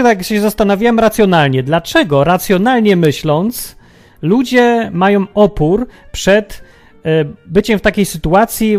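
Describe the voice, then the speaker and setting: A man with a notably high voice talks through a reflective religious monologue at his own pace. He muses aloud and keeps throwing rhetorical questions at the listener. Faint music plays in the background. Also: a little mellow. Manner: musing, many rhetorical questions. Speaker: podcast host.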